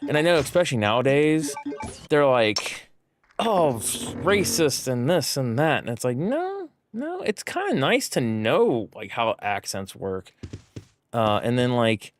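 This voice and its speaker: A man's voice: medium pitch, huge pitch swings, a little slow, slight background noise. A man from the United States chatting casually while he plays a game on a livestream. He rambles, thinks aloud and corrects himself, with lots of fillers. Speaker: streamer. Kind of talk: casual gameplay livestream chat. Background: game music.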